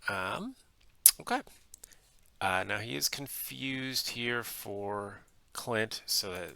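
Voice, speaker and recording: Casual host, male: deep gravelly voice, bright tone, murmured card-game play-by-play from a home basement. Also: big pitch swings, slow pace, no echo. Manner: thinks aloud with frequent ums, quiet at times.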